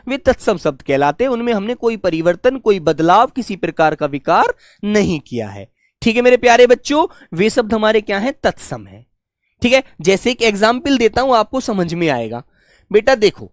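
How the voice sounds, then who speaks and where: A man teaching a live online class, affectionate and repetitive, often slowing down to dictate notes to his students. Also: high voice, no room sound, studio quality. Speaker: Hindi teacher.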